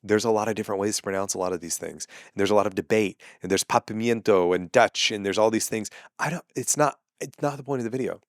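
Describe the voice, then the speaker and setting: A man's voice: fairly low pitch, quick pace, hardly any pauses, no echo, clean studio sound. A man doing a casual comedy monologue, talking in a loose, wry, exasperated way with lots of ums and uhs.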